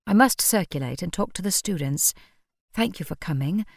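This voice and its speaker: A woman's voice: fairly low pitch, lively intonation, normal speed, gravelly, dry recording, clean studio sound. A woman voicing an effusive, theatrical female drama teacher in an audiobook. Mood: gushing.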